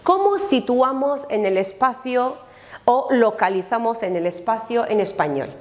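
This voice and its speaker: A woman teaching a language lesson, slowly and deliberately modeling each word aloud for her students. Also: fairly high pitch, lively intonation. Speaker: Spanish teacher. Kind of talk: recorded classroom lesson. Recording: echoey room.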